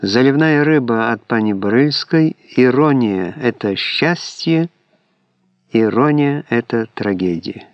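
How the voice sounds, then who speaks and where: A man calmly reading an audiobook in a measured, scripted narration. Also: medium pitch, dry recording. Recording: dull, dry lo-fi MP3 audiobook recording.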